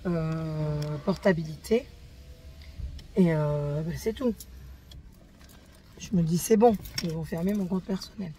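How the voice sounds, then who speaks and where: A woman's voice: sits low, takes it slowly, long pauses, dark tone, slight background noise. A woman chatting casually to her phone camera outdoors in a garden, swearing freely and getting heated as she talks. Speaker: vlogger.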